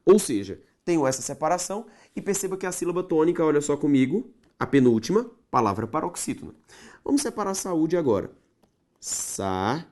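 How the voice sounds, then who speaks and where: A Brazilian man teaching grammar online, his pitch swinging widely up and down as he explains. He speaks straight to his viewers, checks often that they follow, and drags out key words slowly to make them stick. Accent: Brazilian Portuguese. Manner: animated, stretches key words slowly for emphasis; addresses viewers directly, checks understanding often.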